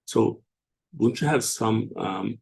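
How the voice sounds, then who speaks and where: A man from Turkey, hosting a casual online discussion and talking haltingly with many fillers and restarts. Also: lowish voice, darkish tone. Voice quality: gravelly, husky. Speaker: show host.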